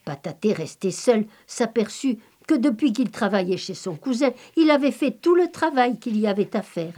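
A woman reading a folk tale aloud in a calm, measured, expressive storybook manner. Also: fairly high pitch. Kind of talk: slow storybook narration.

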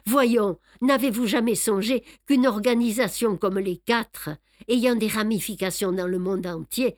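A woman's voice: mid-range voice, unhurried, no echo, studio quality, close to an everyday voice. A woman reading aloud and voicing a fussy, self-satisfied older male detective who boasts of his clever plans. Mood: reassuring. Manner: boastful, explaining, lively emphasis. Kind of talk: audiobook reading.

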